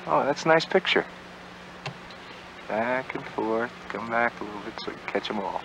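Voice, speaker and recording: A man's voice: medium pitch, animated, normal speed, creaky. A man filming a home video outdoors on a ski slope, chatting casually and commenting on the shot, heard through old camcorder audio. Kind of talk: casual chat while filming. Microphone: built-in camcorder mic. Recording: dull lo-fi camcorder audio with hiss.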